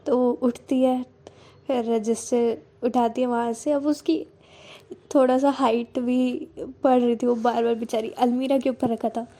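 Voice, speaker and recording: A woman's voice: a little high, mellow. A woman narrating a romance story in a casual, chatty way, explaining scenes as she goes.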